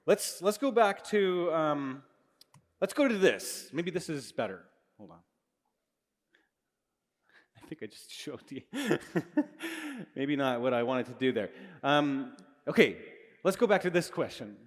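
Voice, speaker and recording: Into a handheld microphone, a middle-aged man delivers a live physics lecture to students in a large hall, explaining casually and correcting himself along the way. His slightly high voice swings widely in pitch, moving slowly with long pauses. The hall gives a long reverb.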